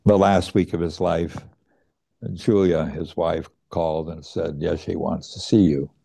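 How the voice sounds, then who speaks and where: Deep, gravelly man telling a personal story. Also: steady tone, warm tone. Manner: slow, reflective, with hesitant pauses and restarts. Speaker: student recounting his teacher's death.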